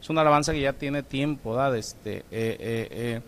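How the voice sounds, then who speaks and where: A middle-aged Mexican pastor with a gravelly voice speaks to his congregation in a loose, informal way. He hesitates often, fills gaps with drawn-out sounds and keeps checking in with tag questions. His pitch sits in an ordinary middle range. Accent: Mexican Spanish. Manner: halting, many fillers and tag questions. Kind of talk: informal church talk.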